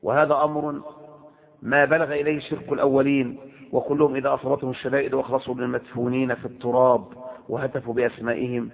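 A man preaching a sermon with an Egyptian Arabic accent, impassioned, switching between loud exclamations and hushed asides. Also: mid-range voice, level tone, rapid-fire, gravelly. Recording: tinny phone-like audio.

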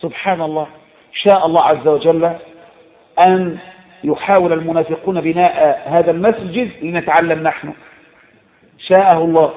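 A man with an Egyptian Arabic accent preaching a sermon, emphatic and repetitive, swinging between loud exhortation and low, intense tones. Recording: echoey, phone-like lo-fi recording.

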